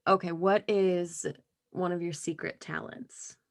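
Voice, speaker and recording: A woman's voice: fairly low pitch, steady tone, a little slow. A woman hosting a casual podcast interview, upbeat and giggly, encouraging her guest. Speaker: podcast host.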